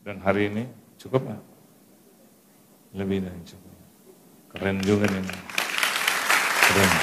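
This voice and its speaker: A middle-aged man from Manado preaching a sermon in a lively storytelling style, with asides to the congregation. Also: mid-range voice, very noisy. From Manado, Indonesia. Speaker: pastor.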